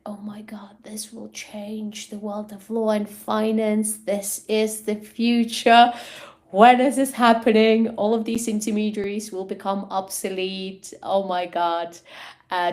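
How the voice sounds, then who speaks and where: A woman from Denmark, a podcast guest, telling her story in a lively, animated way. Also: mid-range voice. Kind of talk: casual interview.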